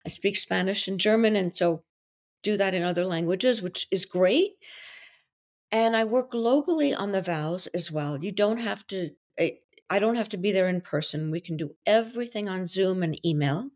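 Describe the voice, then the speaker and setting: With a medium-pitched voice at normal speed, a Belgian woman, French by first language, confidently explains her role as wedding officiant and coach during a podcast interview, delivering it expressively and theatrically.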